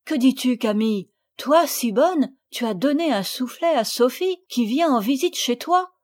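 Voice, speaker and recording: A woman's voice: high voice, expressive, darkish tone, pitched above the performer's own voice. A woman playing a stern, dignified mother. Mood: astonished. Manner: measured, severe.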